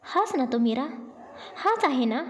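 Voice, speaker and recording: An enraged young boss, fiercely possessive and stern, barking commands in a storybook love drama, as a woman narrator puts him on. The voice sits fairly high. It stays close to the reader's own. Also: sing-song, measured pace. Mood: angry.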